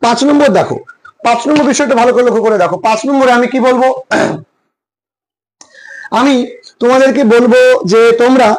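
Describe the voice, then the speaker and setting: High-voiced Bengali man tutoring English. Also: fast talker, long pauses, rough recording. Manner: repeats rules and quizzes students with questions. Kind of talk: classroom lecture.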